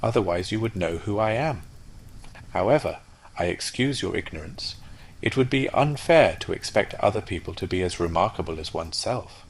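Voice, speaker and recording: A man's voice: low-pitched, expressive, normal speed, husky, heavily acted, low-quality recording. A man voicing a conceited male firework rocket who talks in a haughty, lecturing way. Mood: pompous. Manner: haughty, self-important, lecturing.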